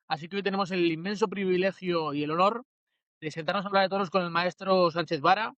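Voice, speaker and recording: A Spanish man hosts a podcast interview, his voice pitched a little high. He asks questions with some hesitant fillers. The recording is dry and close. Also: fairly even intonation, fast, fairly bright tone, no echo, highs cut off. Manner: formal scripted intro, then hesitant questions. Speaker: podcast host.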